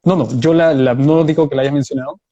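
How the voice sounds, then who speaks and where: The recording is muffled, but this man's voice comes across as fairly high, warm and steady in tone. A guest in a live video-call debate, he answers in a measured, explanatory manner, developing his view step by step with examples.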